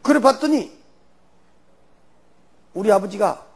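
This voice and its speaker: A man's voice: high voice, expressive, takes it slowly, husky. An older man with a Jeolla Korean accent, a church elder telling his life story in a loose, folksy testimony. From Jeolla region, Korea.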